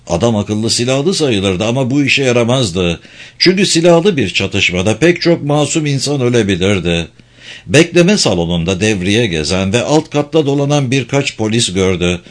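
A man reading a thriller novel aloud in a steady, measured storytelling delivery. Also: mid-range voice. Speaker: audiobook narrator. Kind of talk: scripted narration.

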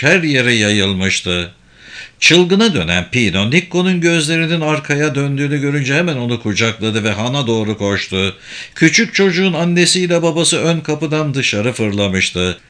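Man, audiobook narrator, measured, somber, scripted reading. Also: medium pitch, bright, forceful tone.

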